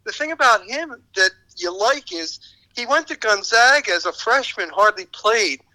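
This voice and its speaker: A man co-hosting a sports podcast, giving casual analysis in a halting way, repeating words as he reasons. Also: high-pitched, expressive, pushed and bright, low-quality recording.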